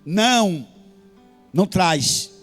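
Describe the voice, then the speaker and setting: High-pitched impassioned Brazilian preacher. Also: male voice, animated, drawn-out words, fairly bright tone. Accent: Brazilian Portuguese. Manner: impassioned, sing-song preaching with frequent hallelujahs. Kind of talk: sermon. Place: church. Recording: faint music behind.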